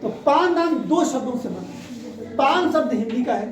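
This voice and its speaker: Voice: sits high, expressive, a little slow. Teacher doing grammar revision, quizzes the students a lot, sounds far from the mic in an echoey classroom. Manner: quizzes the class and repeats key answers.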